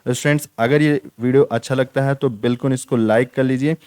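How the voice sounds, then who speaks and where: A man's voice: mid-range voice, steady tone, fairly quick, darkish tone, clear, resonant tone, no room sound. Young man teaching an exam-prep lesson in a dry room. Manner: repetitive, drills points with "theek hai".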